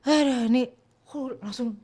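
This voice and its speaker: A woman hosting a casual interview, lively and quick to laugh and react. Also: high-pitched. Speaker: interviewer host.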